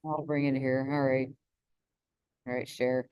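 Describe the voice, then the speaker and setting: A woman's voice: very deep voice, level tone, a little slow, darkish tone, smooth, no room sound, muffled recording. A woman hosting a casual live stream about space weather, rambling with many restarts and laughs.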